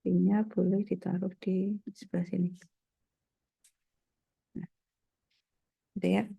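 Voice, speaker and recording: Over phone-quality sound, a slow, creaky, slightly rough mid-range voice holds a fairly flat pitch. The speaker is a university math lecturer from Indonesia whose slight cold makes her nasal; she lays out explanations step by step and keeps checking in with brief tags.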